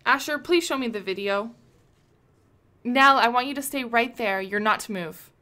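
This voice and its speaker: In a radio play, a woman acts as a commanding, protective woman in charge, firm and authoritative. Her voice is on the high side, bright and forceful, at a moderate pace. Her mood comes across as firm and reassuring.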